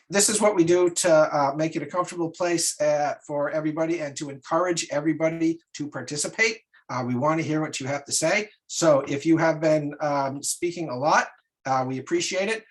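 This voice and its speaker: A man with a slightly high voice chairs an online meeting. He gives informal, polite instructions, often halting between phrases. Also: poor audio. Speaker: meeting moderator.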